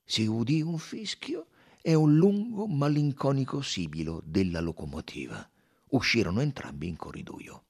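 A man's voice: medium pitch, very animated, moderate pace, vocal fry, a little mellow, slightly rough. A man narrating an audiobook in a theatrical, varied reading style. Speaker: audiobook reader.

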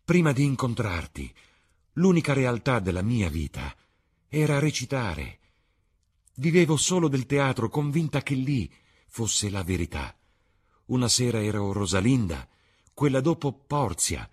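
A man's voice: medium pitch, sing-song, a little slow, a little mellow, husky, pitched above the performer's own voice. A man voicing a young woman actress who speaks in an ecstatic, lyrical way, in a storybook reading. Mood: rapturous.

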